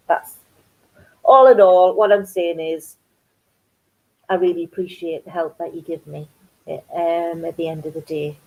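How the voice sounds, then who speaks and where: A middle-aged woman from North East England, whose Geordie accent carries a touch of North Yorkshire, hosts a crafts channel and chats to her live viewers. Her lowish voice keeps a fairly even intonation at a measured pace with long pauses, and her manner is rambling and self-deprecating over narrow, tinny audio.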